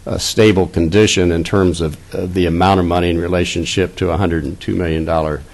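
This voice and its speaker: A man in his fifties presenting a school budget at a public board meeting, seated at a dais and speaking into a desk microphone, halting and repeating words as he reads out figures. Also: low-pitched, steady tone, vocal fry, darkish tone. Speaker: school district finance officer.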